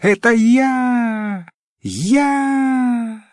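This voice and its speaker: A man voicing a vain, boastful female frog in a storybook reading, shrill and excited. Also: unhurried, no room sound, clean studio sound. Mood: boastful shouting.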